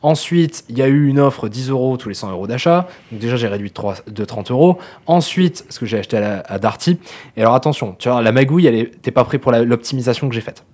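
A man co-hosting a casual podcast, talking quickly and acting out the people in his stories. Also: mid-range voice. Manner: animated, tells anecdotes acting out quoted dialogue. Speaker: podcast co-host.

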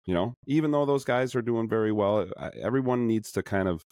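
A middle-aged man with a Chicago accent hosts a podcast, his voice very deep. He rambles eagerly, piling up fillers and false starts. The sound is dry and close. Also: brisk, darkish tone, dry recording. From suburban Chicago. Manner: rambling, enthusiastic, frequent fillers and restarts. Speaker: podcast host. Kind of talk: casual podcast chat.

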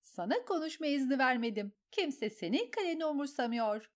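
A woman's voice: high voice, sing-song, extremely slow, warm tone, voice pushed up, heavily acted. A woman voicing a hysterical, jealous noblewoman who shrieks and sobs in a storybook reading. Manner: shrieking, sobbing, pleading.

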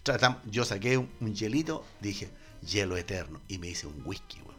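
A man's voice: on the low side, expressive, moderate pace, soft background music. A man from Chile with a Chilean accent, telling an absurd comic story in a rambling, stammering, slangy way.

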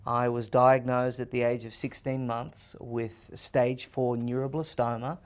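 A confident man in his thirties with an Australian accent answers interview questions as a podcast guest. His medium-pitched voice moves little in pitch and keeps a measured pace, and he speaks emphatically in rhetorical, list-like phrases.

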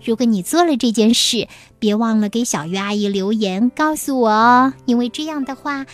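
A woman telling stories to young children, explaining things gently like a kindergarten teacher. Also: a little high, normal speed. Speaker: children's storyteller. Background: music.

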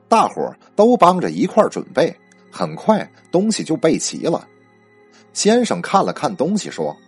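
A man narrating a ghost story with lively spoken storytelling and a husky voice. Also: on the high side.

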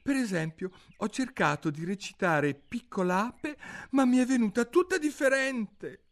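A man's voice: animated, unhurried. Alice, a man voicing a timid young girl. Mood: earnest. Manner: high, raised girlish voice. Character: curious young girl, timid yet earnest.

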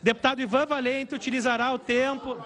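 A man chairing a heated parliamentary session, exasperated and talking over shouting. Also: very high-pitched, level tone, brisk. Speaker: committee chair. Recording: loud crowd noise in a chamber.

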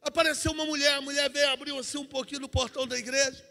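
A man preaching a testimony sermon in a church, moving between hushed storytelling and shouted preaching. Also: extremely high pitch, flat delivery, quick pace, vocal fry. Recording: church hall reverb.

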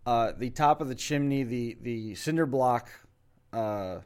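A podcast co-host with a mid-range voice tells a long story on a casual show, rambling, restarting sentences and piling on details. He's unhurried, with a darkish yet clean tone.

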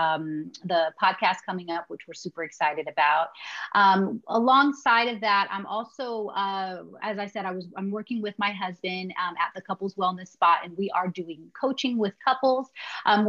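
A woman who works as a couples coach, speaking earnestly in an interview and pausing often with fillers. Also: mid-range voice, a bit bright, highs cut off. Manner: earnest, many filler pauses. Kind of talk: interview conversation.

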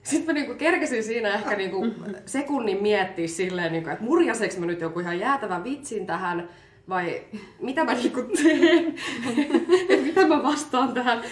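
A woman's voice: a little high, expressive. A woman in her thirties chatting casually, telling an anecdote and laughing through it. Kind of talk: casual chat. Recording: echoey room.

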